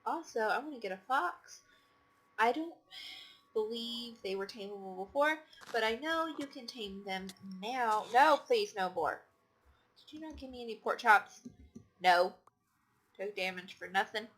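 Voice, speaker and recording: A woman's voice: a little high, expressive, normal speed, fairly bright tone. Tired woman rambling over game play. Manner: rambling, many fillers and restarts. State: tired, yawning. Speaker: gaming channel host. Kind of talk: casual gameplay commentary.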